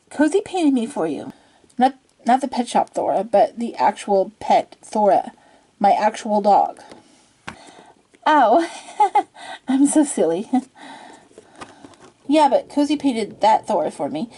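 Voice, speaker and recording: A woman's voice: fairly high pitch, dark tone, husky. A woman hosting a casual story time, rambling and giggling at herself as she goes. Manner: rambling, giggly and self-deprecating. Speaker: channel host.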